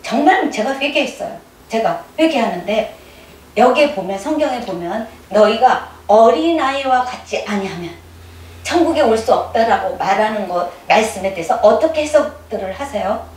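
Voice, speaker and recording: A middle-aged woman giving a conversational testimony sermon in a church hall, often pressing her listeners with quick questions. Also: fairly high pitch, lively intonation, darkish tone. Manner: keeps prodding the audience with quick questions. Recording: echoey room, mic at a distance.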